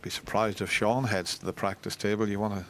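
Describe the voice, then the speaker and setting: A man giving live snooker commentary in a measured, conversational way. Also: fairly low pitch, steady tone, fairly bright tone, a little hiss or hum.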